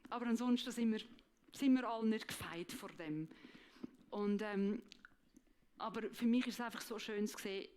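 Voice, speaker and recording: A woman with a Swiss German accent giving an emotional, halting faith testimony, often repeating words. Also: on the high side, a little mellow. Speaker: guest speaker.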